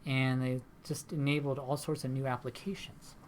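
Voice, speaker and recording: A man's voice: medium pitch, flat delivery, normal speed, slight background noise. A man giving a recorded university lecture in a rambling, conversational way, often checking in with tag questions.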